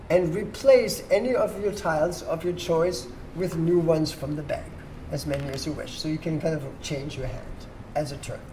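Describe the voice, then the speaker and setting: The recording captures a noisy room with background ambience, where a host patiently teaches players at a table the rules of a board game and checks that they follow. The voice is medium-pitched and a little mellow.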